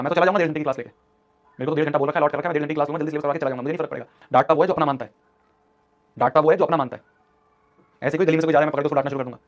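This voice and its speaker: A young man in his twenties, an online teacher giving a motivational class talk in an urgent, scolding, repetitive way. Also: a little high. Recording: dull lo-fi stream audio.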